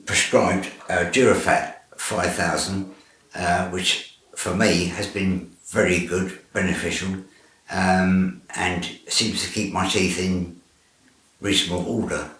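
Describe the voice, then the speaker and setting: Deep, slow-speaking man in an echoey room. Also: fairly even intonation. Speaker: patient sharing treatment experience. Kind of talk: personal testimony.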